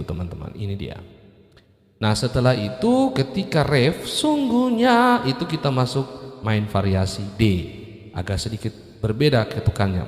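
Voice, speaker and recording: A man's voice: on the low side, a little mellow. A man hosting a keyboard tutorial, explaining step by step in a casual way and often stopping with fillers. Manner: addresses viewers as friends, explains step by step with fillers. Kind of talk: casual instructional talk. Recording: roomy echoey sound with keyboard music behind. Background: church keyboard accompaniment playing.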